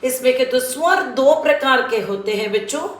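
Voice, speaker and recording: A woman's voice: high voice, expressive, normal speed, echoey room. A woman from South India with a South Indian accent, teaching children a Hindi grammar lesson patiently, repeating and drilling sounds and mixing in English words.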